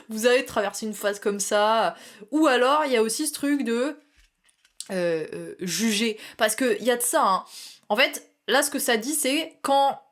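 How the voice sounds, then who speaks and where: A woman's voice: fairly high pitch, expressive, a little slow, fairly bright tone. A young woman doing a casual tarot reading, talking chattily, laughing often and dropping English slang. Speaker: tarot reader.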